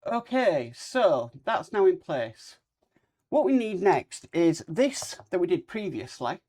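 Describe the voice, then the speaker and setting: A model-building host with a mid-pitched voice gives a casual, hands-on walkthrough of a build. The speaker is talking with a cold sore on the lip. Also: very animated, slow, darkish tone.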